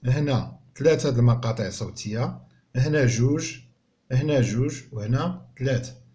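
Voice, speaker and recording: A man with a Moroccan accent teaching a French reading lesson to young pupils. He sounds out each word slowly and clearly, then explains it quickly. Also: mid-range voice, dark tone, muffled recording. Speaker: primary school teacher.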